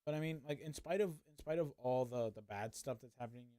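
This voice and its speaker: Male streamer, mellow and dry, chatty rambling reaction commentary. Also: medium pitch, fast talker, dry recording. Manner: rambling, hedging with fillers. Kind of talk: casual commentary.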